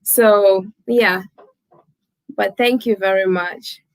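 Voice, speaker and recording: A woman's voice: mid-range voice, fairly even intonation, takes it slowly, smooth, dry recording, low-quality recording. A woman in her twenties, hosting a casual livestream, chatting with viewers, laughing often and thanking them by name. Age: 20s. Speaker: livestream host. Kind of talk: casual live chat reading viewer comments.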